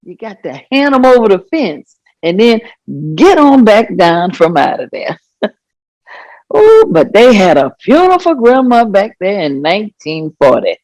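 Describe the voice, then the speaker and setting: In a staged reading of oral history, a woman plays an elderly Southern grandmother fondly and animatedly recalling her past. Her mid-range voice is joyful and exclaiming, and her folksy, expressive storytelling is unhurried and dotted with exclamations, with no room sound.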